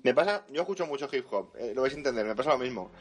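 A man's voice: medium pitch, expressive, very fast, husky. A man from Spain, co-hosting a podcast in blunt, sweary, rambling chat. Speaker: podcast co-host. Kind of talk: casual gaming podcast chat.

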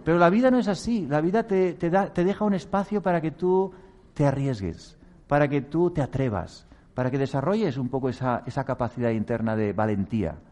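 A man's voice: on the high side, animated, brisk, a little mellow. A man from giving a reflective talk on meditation, speaking earnestly, chuckling at himself and acting out quoted voices.

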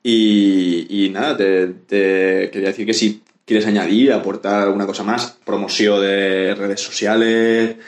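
A man's voice: lowish voice, little pitch movement, unhurried, hardly any pauses. A man from hosting a casual podcast interview, speaking informally and stumbling over his words as he rambles. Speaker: podcast host. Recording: roomy echo.

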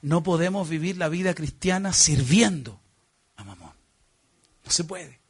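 A man with a Chilean accent preaching a sermon, emphatic and questioning his congregation, swinging from loud exclamations to hushed, earnest passages. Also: on the high side, expressive, unhurried, husky. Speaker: pastor.

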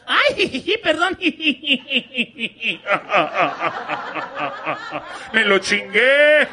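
A man's voice: very high-pitched, background noise. A man with a Mexican accent doing a crude stand-up comedy routine, swearing a lot and acting out women's voices with giggles. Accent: Mexican Spanish. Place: live comedy venue with laughing audience. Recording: live stage recording, crowd laughter.

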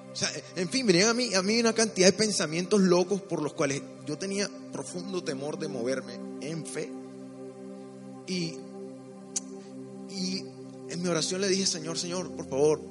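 Earnest male preacher in a reverberant hall. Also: a little high. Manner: earnest, with frequent restarts and sudden drops to a hushed voice. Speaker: pastor. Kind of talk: sermon. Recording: long hall reverb with faint music. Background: faint music.

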